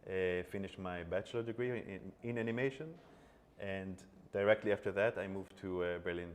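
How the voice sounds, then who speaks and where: A man from Israel, an animation studio co-founder, speaking on a panel in a measured way that trails off softly at phrase ends. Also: low-pitched, fairly even intonation. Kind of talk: panel talk. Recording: long hall reverb, faint background noise.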